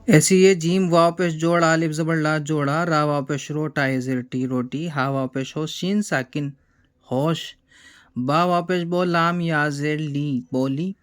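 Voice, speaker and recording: Man slowly spelling out Urdu words. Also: on the high side, steady tone, smooth. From India. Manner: slow, deliberate letter-by-letter spelling, drawn-out words. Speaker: Urdu reading teacher. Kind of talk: spelling-out reading lesson.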